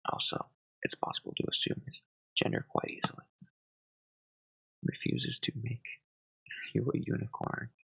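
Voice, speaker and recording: A soft-spoken ASMR host in close-mic whispers, reading satirical headlines and adding dry deadpan asides. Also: mid-range voice, creaky, slightly rough, low-quality recording. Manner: reads headlines, then adds wry deadpan asides.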